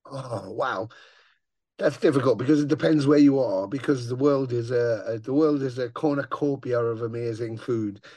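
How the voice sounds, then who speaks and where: A man with a gravelly growl, chatting casually as an interview guest and swearing as he tells stories. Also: mid-range voice, moderate pace, dry recording. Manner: swearing, animated storyteller who acts out voices. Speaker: touring metal musician, guest.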